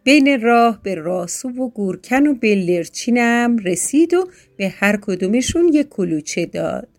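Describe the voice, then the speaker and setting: A woman's voice: fairly high pitch, animated. A woman narrating a children's story, speaking directly to the children listening. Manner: warm, addressing children directly.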